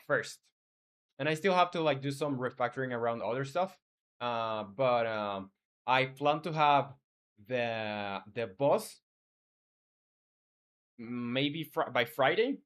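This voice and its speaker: This is a Chilean game developer chatting on his livestream in an informal, hesitant way, reading viewer messages aloud and answering them. His voice is medium-pitched and a bit bright.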